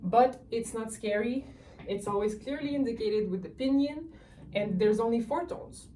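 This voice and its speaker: A woman's voice: a little high, moderate pace, mellow, far from the mic, slight background noise, low-quality recording. A woman teaching a beginner language lesson, explaining patiently step by step and modeling each sound.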